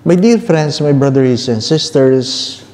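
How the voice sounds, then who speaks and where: Slow Filipino priest in cathedral echo. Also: male voice, mid-range voice, darkish tone. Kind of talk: liturgical reading and sermon. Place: large echoing church. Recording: long cavernous church reverb.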